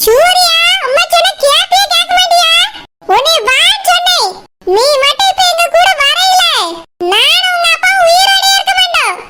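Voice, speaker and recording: A shrill, sky-high cartoon voice of a domineering older woman with a Kanyakumari Tamil accent, scolding and issuing orders. Heavy hiss and noise sit loud under the whole recording. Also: normal speed. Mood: angry, commanding. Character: stern, domineering older Tamil mother and aunt. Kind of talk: cartoon voice acting.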